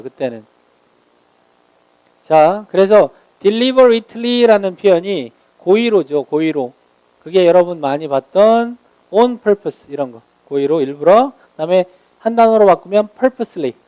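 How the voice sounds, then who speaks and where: A man teaching English vocabulary in a lecture, explaining meanings and slowly modeling each word's pronunciation. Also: high voice, darkish tone, smooth, no echo.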